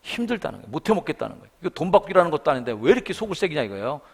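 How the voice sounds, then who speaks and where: In a church sanctuary, a middle-aged revival preacher tells stories animatedly and performs the voices of those in them. His voice is a little high, racing, creaky and slightly rough.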